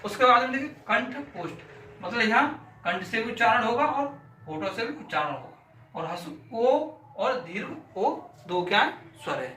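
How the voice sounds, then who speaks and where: A man teaches a lesson in a high, piercingly bright voice. He sounds out syllables over and over and poses questions he then answers himself. He is heard from a distance in an echoey room. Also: lively intonation, normal speed, a little hiss or hum. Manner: demonstrates sounds by repeating syllables aloud; asks and answers his own questions. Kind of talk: classroom lesson.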